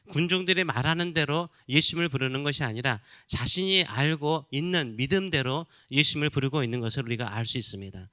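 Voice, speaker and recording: A man's voice: medium pitch, sharp tone, no room sound, studio quality. A middle-aged man preaching a sermon as pastor, teaching with questions to the congregation and acting out quoted voices. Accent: Korean. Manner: teaching, asks the congregation questions, acts out crowd rebukes.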